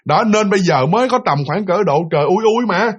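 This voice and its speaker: A man, telling a ghost story in a lively, vivid way and often speaking straight to his listeners. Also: high-pitched, a little fast, slightly rough, highs cut off. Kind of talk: casual spoken ghost story.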